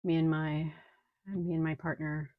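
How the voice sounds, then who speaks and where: Sounding a bit hoarse and low from a cold, a woman gives her viewers a casual tarot reading. Her delivery is flat, slow, and comforting, with ums filling the gaps. The audio is dry, close-miked, and phone-quality, with no echo from the room.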